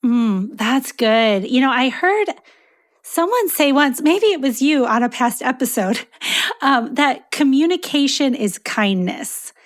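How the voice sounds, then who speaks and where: Woman host asking a guest a thoughtful question, kinda high voice. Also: animated, slow pace. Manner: soft backchannels, thoughtful questions. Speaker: podcast host. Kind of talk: casual interview talk.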